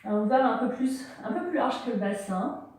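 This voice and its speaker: A woman teaching a yoga and movement class, giving slow, calm cues to breathe in and out. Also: on the high side. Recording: very echoey room, far from the mic.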